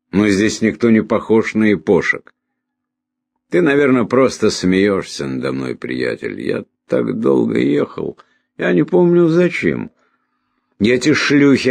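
A man's voice: fairly low pitch, vocal fry, darkish tone, no echo, voice pushed up, heavily acted. A man voicing a deranged, dying young man who rambles in a raised, agitated voice. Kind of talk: audiobook character voice.

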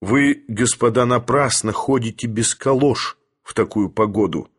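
A man voicing a haughty older professor who speaks in an imperious, lecturing, deliberate manner. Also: mid-range voice, breathy edge. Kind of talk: audiobook character voice.

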